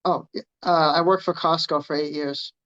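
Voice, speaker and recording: A man in his thirties calling into a dating show, easygoing and a little halting. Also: on the high side, steady tone, fairly bright tone, no room sound, lo-fi sound. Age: 30s. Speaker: caller.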